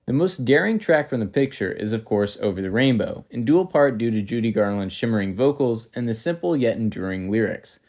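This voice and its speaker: A man narrating a scripted film review in a measured, analytical way. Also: medium pitch, animated, darkish tone.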